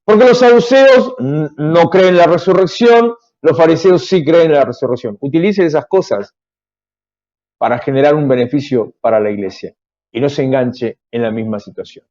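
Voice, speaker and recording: A middle-aged male pastor, preaching an emphatic, animated live devotional sermon with asides. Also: fairly high pitch, normal speed. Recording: dull lo-fi livestream audio.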